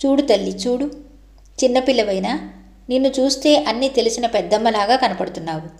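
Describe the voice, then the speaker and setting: A woman's voice: a little high, fairly quick, darkish tone, reverberant, voice pushed up, close to an everyday voice. A woman voicing a grieving poor old man who speaks in a pleading, tearful way, in a storybook reading.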